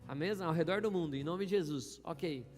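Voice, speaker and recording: A man preaches as a pastor, throwing questions at his congregation and waiting for their replies. His voice sits high for a man. The sound rings with the long reverb of a church hall. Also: brisk, darkish tone, faint music behind. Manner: call-and-response preaching, asks the congregation questions. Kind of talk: sermon.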